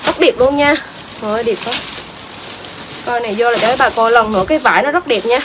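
A woman's voice: on the high side, fairly quick, background noise. A woman selling clothes on a livestream, chatty and exclaiming, repeating prices over and over. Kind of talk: fast live-selling patter.

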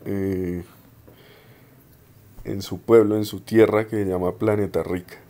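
Young man, student presenter, low pitch, mellow tone, explanatory, hesitant. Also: fairly even intonation. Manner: unhurried, explanatory, frequent hesitations. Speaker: student presenting his degree project. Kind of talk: informal spoken presentation.

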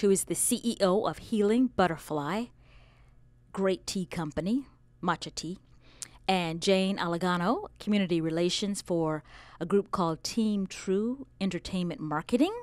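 A woman's voice: mid-range voice, dry recording. Upbeat woman hosting a podcast panel. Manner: lively, upbeat introductions. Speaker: podcast host. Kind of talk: casual panel talk.

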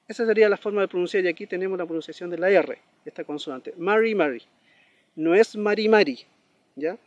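A man teaching a pronunciation lesson, saying words slowly and repeating them, often checking in with a quick question. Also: sits high, no room sound. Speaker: language teacher.

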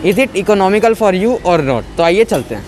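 Fast-talking young man, masked. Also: high-pitched, sing-song, background noise. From India. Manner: chatty, switches into English phrases. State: speaking through a mask. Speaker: food vlogger. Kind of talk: casual food review vlog. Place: small cafe indoors.

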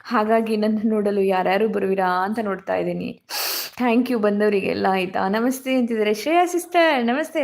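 A woman hosting a casual live stream from her phone in a dark room at home, her voice hoarse and cracking from illness as she greets viewers by name. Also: medium pitch. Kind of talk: casual live chat reading comments. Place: dark room at home during power cut.

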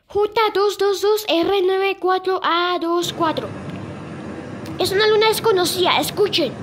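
A young girl casually presenting sound clips, pausing often and repeating "listen" and "I mean". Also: extremely high pitch. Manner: halting, repeats "escuchen" and "o sea". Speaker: video creator presenting moon sounds.

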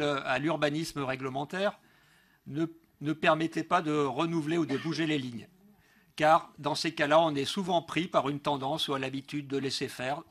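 A husky middle-aged man, a local elected councillor, gives a prepared political speech at a council meeting. His voice is fairly high and fairly bright. The setting is a large indoor council meeting room, captured on a gooseneck desk microphone.

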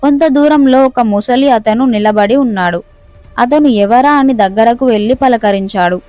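A woman storyteller reading a scripted horror story in a steady, suspenseful manner. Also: fairly high pitch, moderate pace, no room sound, faint music behind.

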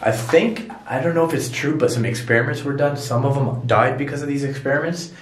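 A man's voice: mid-range voice, brisk, reverberant. A man in his thirties chatting casually to a handheld camera as host of an indoor exploration vlog. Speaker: vlogger and urban explorer host. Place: empty abandoned building indoors at night. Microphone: handheld camera at arm's length. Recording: noisy handheld camera audio.

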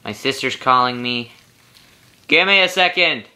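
This teenage boy has a medium-pitched, sharp voice and takes his time as he rambles through a casual vlog. He's in his small bedroom talking to a webcam at arm's length, chatty, amused with himself, and thinking aloud over a noisy recording.

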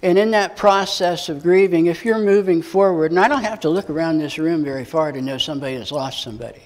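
A man's voice: on the high side, fast talker. A middle-aged American man preaching, telling a personal story in a folksy way, acting out the dialogue and chuckling as he goes. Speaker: pastor. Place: church sanctuary. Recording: long reverb of a church hall.

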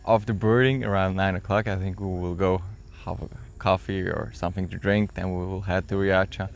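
A man's voice: deep voice, level tone, brisk, gravelly. A man giving a plain, matter-of-fact travel update to camera, outdoors in a park. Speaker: host.

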